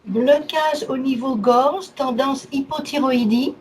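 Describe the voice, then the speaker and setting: A high-voiced woman takes her time in this low-quality clip, faint noise in the background. Speaking as a therapy client, she casually itemizes her health complaints in short, clipped phrases.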